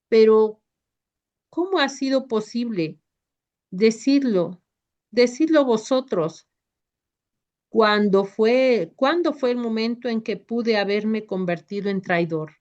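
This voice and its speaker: A woman voicing a frantic, pleading apostle. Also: lowish voice. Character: Peter, anguished male apostle, frantic. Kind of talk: devotional reading. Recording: dull lo-fi recording.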